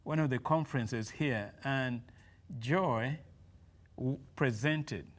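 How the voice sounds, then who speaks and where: A man speaks as a guest on a television talk show. He recounts his path slowly and haltingly, filling pauses and restarting phrases as he goes. His voice sits at an ordinary male pitch. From Uganda. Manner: halting storytelling with fillers and restarts. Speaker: guest, nutritionist. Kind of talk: television interview.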